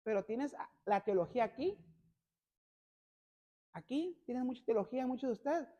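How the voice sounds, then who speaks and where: A male pastor preaching a sermon, constantly addressing the congregation as brothers and building to loud, emphatic passages. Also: very high-pitched, animated, moderate pace, lo-fi sound. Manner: peppers every phrase with "hermanos".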